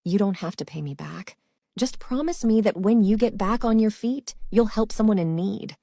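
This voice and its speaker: A woman playing a kind, humble, soft-hearted character in a scripted drama, gentle and earnest. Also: medium pitch, normal speed, creaky, dry recording, clean studio sound. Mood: compassionate.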